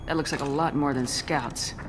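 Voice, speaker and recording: An actress playing a tough, no-nonsense military commander in a sci-fi video game, speaking firmly and asking direct questions. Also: female voice, deep voice, fairly even intonation, moderate pace, background noise, natural voice. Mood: firm, businesslike.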